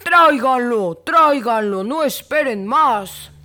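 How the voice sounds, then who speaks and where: A woman voicing a commanding, impatient pharaoh who barks loud, urgent orders in a children's story. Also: on the high side, animated, takes it slowly, heavily acted.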